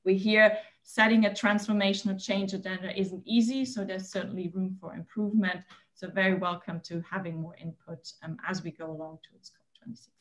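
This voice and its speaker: A woman's voice: medium pitch, flat delivery. Woman presenting at a conference panel. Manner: hurried, with frequent fillers and restarts.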